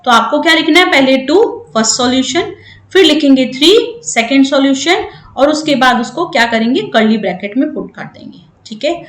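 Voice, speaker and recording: A woman's voice: high-pitched, expressive, fairly quick, a bit bright, roomy sound. A woman with an Indian accent teaching maths step by step, switching between English and Hindi and often checking in with "right?". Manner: explains step by step, checks in with 'right?'. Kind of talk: classroom lesson mixing English and Hindi.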